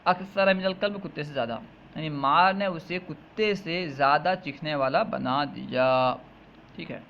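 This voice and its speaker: A man teaching a text lesson, reading each phrase aloud and then slowly explaining and repeating it. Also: fairly high pitch, vocal fry. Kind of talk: line-by-line Arabic text lesson with translation. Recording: muffled lo-fi with faint hiss.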